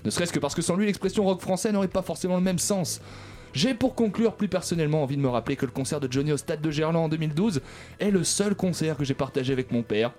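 A man delivering a sarcastic comic column on a radio panel show, mocking and quick. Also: on the high side, expressive, darkish tone.

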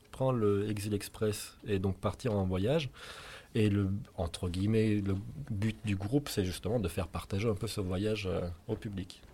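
A rock singer and guitarist whose first language is Turkish answers interview questions in a lowish, mellow voice. He comes across as thoughtful and opinionated, hesitating often.

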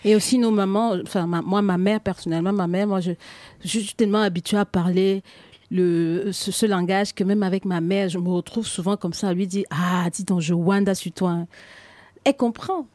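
A woman's voice: mid-range voice, fairly quick, warm tone, dry recording. A woman, a radio interview guest who repeats words while searching for them.

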